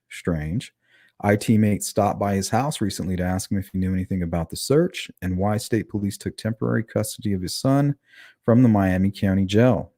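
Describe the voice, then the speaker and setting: Guy hosting a casual livestream, mellow low voice, bit of a lisp. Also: no echo, studio quality. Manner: conversational, questioning the audience. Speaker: livestream host. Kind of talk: casual true-crime livestream commentary, reading chat aloud.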